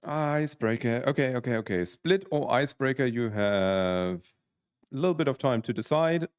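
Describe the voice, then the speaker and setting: A man's voice: medium pitch, moderate pace, clear, resonant tone, no room sound, studio quality. A man in his twenties chatting casually on a livestream, rambling with restarts while explaining game rules. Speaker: streamer, PhD student.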